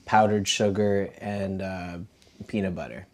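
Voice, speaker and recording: Easygoing low-voiced man from Quebec. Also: steady tone, measured pace, noisy background. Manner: easygoing, rambling, many fillers. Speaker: co-host. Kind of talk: casual chat.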